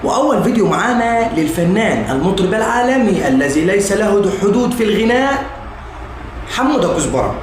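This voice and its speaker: A man's voice: high voice, big pitch swings, brisk. An Egyptian man hosting comedy reaction videos, talking casually and exclaiming as he comments. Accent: Egyptian Arabic. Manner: exclaiming, addressing viewers and clips informally. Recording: very echoey room, noisy background.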